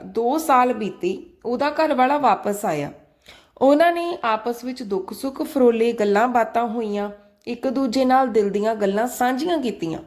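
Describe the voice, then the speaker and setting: A woman telling a devotional parable and teaching in a gentle, earnest, measured way. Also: a little high. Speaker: religious storyteller.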